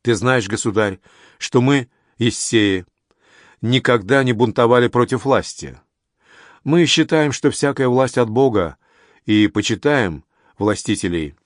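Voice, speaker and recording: A man's voice: medium pitch, animated, measured pace, no room sound, studio quality, lightly acted. A man voicing a fanatical, humble Essene preacher who pleads and insists with fervor. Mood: humble pleading. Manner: pleading, rising to ecstatic insistence. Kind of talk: audiobook character reading.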